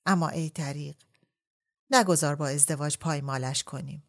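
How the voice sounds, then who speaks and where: A melancholy, poetic young man, read by a woman in a low voice. He speaks wistfully and evasively, as in a read-aloud novel.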